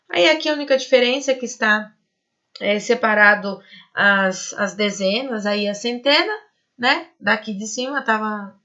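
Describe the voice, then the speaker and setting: A woman teaching a Spanish class to high school students, explaining step by step and checking in with quick tag questions. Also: a bit bright, muffled recording. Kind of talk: online class lesson.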